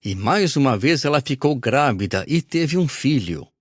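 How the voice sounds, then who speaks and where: A man reading a Bible audio recording aloud in a measured, solemn narration. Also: medium pitch, animated, slightly rough, dry recording, studio quality.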